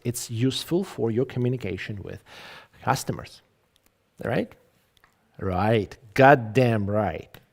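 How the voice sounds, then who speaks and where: A man teaching English in a live online lecture, acting out example phrases and repeating himself. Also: medium pitch.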